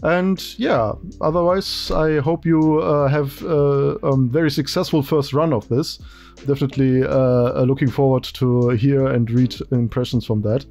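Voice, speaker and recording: A man's voice: medium pitch, fairly even intonation, a little slow, a little mellow, faint music behind. A man with a German accent, a German native speaker, hosting a casual interview and talking with many ums and restarts over a video call. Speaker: host.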